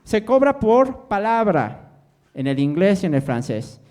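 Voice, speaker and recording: Animated man lecturing. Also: high-pitched, unhurried. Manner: quizzes the audience with constant "¿sí?" and jokes. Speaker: language teacher giving a lecture. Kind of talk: interactive lecture to students.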